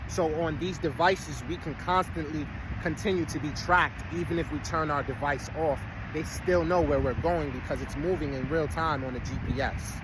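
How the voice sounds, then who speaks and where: This fairly high-voiced man, nearly forty, talks to his followers at a moderate pace with fairly even intonation and barely any pauses. He's a vlogger in his thirties, rambling casually and streetwise with the occasional sermon, while traffic passes outside.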